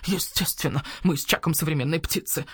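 A woman's voice: low-pitched, a little fast, slightly rough, no room sound, clean studio sound. A woman voicing a hooting, wheezing old owl. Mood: flustered. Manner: stammers hoots into words. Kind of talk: audiobook character voice.

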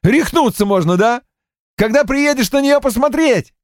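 Man playing a thrilled young new dad in an audiobook, high, shouting with joy, dry sound. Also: lively intonation, moderate pace, no room sound. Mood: overjoyed. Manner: shouting with delight. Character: overjoyed young new father, shouting excitedly.

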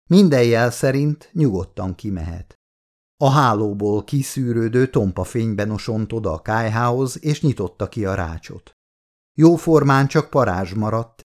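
A man narrates a novel in a measured, storytelling read. His voice sits low with a gravelly fry. It is a steady audiobook reading.

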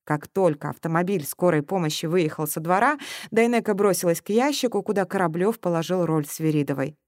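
A woman narrating a detective audiobook in an even, measured reading. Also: on the low side, dry recording, clean studio sound. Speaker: audiobook reader.

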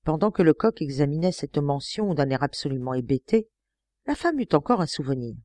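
A woman's voice: sits low, very animated, fairly quick, dark tone, no echo. Woman narrating a novel, dry close sound. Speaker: audiobook reader.

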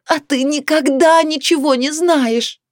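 A woman's voice: medium pitch, very animated, measured pace, darkish tone, no echo, studio quality. A woman reading the part of an irritable clairvoyant wife who scolds her husband. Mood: indignant. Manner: indignant, reproachful.

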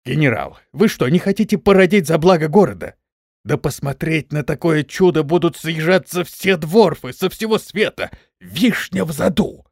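A man's voice: a little high, creaky, slightly rough, dry recording, studio quality, heavily acted. A man voicing a pompous male dwarf town head, coaxing and persuading in a raised voice in an audiobook.

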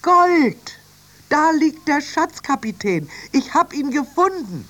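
Reader putting on a high, bubbly young girl, wide-eyed and chattering, children's radio story. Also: very animated, a little slow. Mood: thrilled. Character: excitable young girl, brother's sister.

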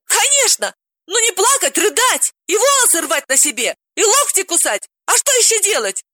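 A woman voicing an excitable, gossipy woman friend who gasps and exclaims dramatically in an audiobook. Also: extremely high pitch, normal speed, no echo, studio quality, pitched above the performer's own voice, exaggerated voice. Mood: dramatic. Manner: gasping, exclaiming, over-dramatic.

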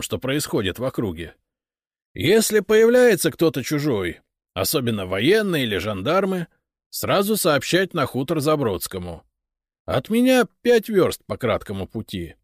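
A man voicing a frightened middle-aged farmer and father who speaks hoarsely and pleads for his son. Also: a little high, no room sound, studio quality, pitched above the performer's own voice. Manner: pleading, anxious.

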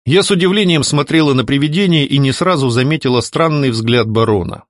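A man's voice: mid-range voice, brisk, no echo, studio quality. A man narrating a story in the first person, reading with expression. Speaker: audiobook reader. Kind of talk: scripted narration.

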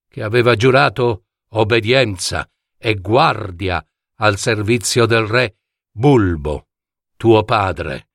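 Guy doing a big gruff lake monster, deep gravelly growl, really slow, storybook stuff. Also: fairly bright tone, no echo, studio quality. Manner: booming, slow and heavy. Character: big lake monster, male, gruff warrior turned peaceful.

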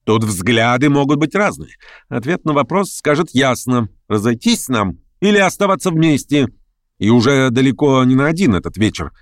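Brief: scheming young man, pushy and sharp, voice pitched up and swinging wide, a male reader acting him. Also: animated, moderate pace, no echo, clean studio sound, natural voice. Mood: needling. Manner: insistent, needling, raised voice.

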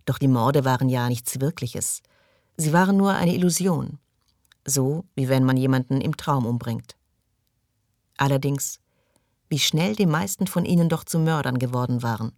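Narrator, man, steady measured audiobook reading, dry booth sound. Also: mid-range voice, dry recording.

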